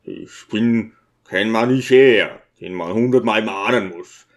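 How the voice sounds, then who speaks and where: A man's voice: lowish voice, unhurried, close to an everyday voice. A man voicing a hot-tempered, boastful deacon who talks in a blustering, indignant way.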